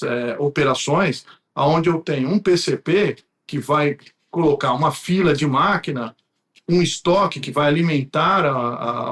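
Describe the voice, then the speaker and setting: A man's voice: on the high side, a bit bright. A man with a Brazilian accent, an interview guest explaining things in conversation. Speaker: guest from a printing company.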